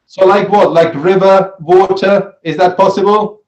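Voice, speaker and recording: A man leads a religious class in a high-pitched voice. He keeps putting questions to his listeners and repeats key phrases for emphasis. The room around him is audibly echoey. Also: steady tone, measured pace, a little mellow, lo-fi sound. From Switzerland. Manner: questioning, repeats phrases, adds "right?" often. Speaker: Islamic studies teacher. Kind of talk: interactive religious lesson with question and answer. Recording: roomy, echoey sound.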